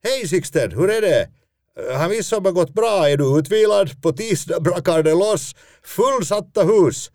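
A man voicing a brisk female theatre producer on the phone who fires off rapid questions and exclamations. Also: high-pitched, animated, darkish tone, no echo, studio quality, voice pushed up. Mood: bubbly.

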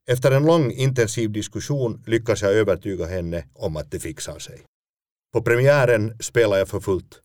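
Low-voiced man telling a self-mocking story. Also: darkish tone, no echo, studio quality. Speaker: stage actor telling a personal story. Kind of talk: first-person storytelling.

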